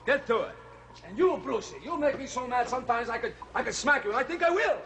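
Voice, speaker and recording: A man's voice: extremely high pitch, animated, quick pace, gravelly, exaggerated voice. A man playing a pompous, exasperated vampire count in a children's TV comedy, bossy and melodramatic. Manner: melodramatic, bossy, swinging from whine to command. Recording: faintly noisy vintage TV soundtrack.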